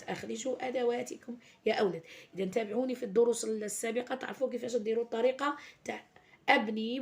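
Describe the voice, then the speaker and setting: A woman, a primary school teacher explaining first-grade lesson plans, often pausing and restarting. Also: a little high, creaky, a little mellow. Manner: explanatory, many fillers and restarts.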